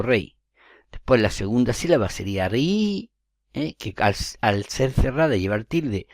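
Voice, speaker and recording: A man's voice: mid-range voice, dry recording, studio quality. A man teaching a grammar lesson, explaining step by step, correcting himself and checking in with his listeners.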